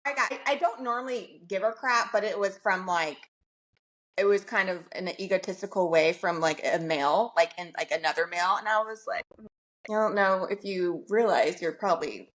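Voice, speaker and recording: A woman guest on a podcast with a slight vocal fry, talking in a candid, rambling way. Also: medium pitch, moderate pace, fairly bright tone. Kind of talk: casual chat.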